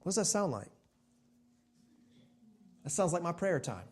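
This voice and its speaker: A man's voice: high voice, very animated, a little slow, a little mellow. A male pastor preaching a sermon in a church sanctuary in a conversational way, asking his congregation rhetorical questions.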